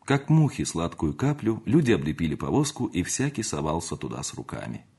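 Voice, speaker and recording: Lively, husky male narrator. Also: low voice. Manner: expressive, measured reading. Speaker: audiobook narrator. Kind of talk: scripted narration.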